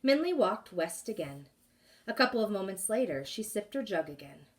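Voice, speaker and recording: A woman teacher reading a chapter book aloud to her class, expressive and pausing to ask questions. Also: medium pitch, far from the mic.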